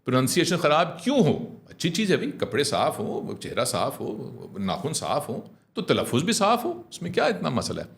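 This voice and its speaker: A middle-aged man, a communication trainer, coaching a host in clear speech in an animated, conversational way, often slowing down to demonstrate. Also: on the high side. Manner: animated, mixing English phrases, demonstrating slow clear diction.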